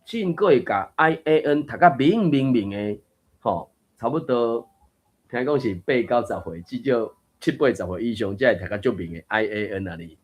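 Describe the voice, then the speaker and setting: Taiwanese guy running a book reading room, chatty and meandering, thinks out loud. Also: mid-range voice, animated, moderate pace, slightly rough. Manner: chatty, digressive, thinks aloud. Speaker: reading group host. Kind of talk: casual explanatory talk on a book reading.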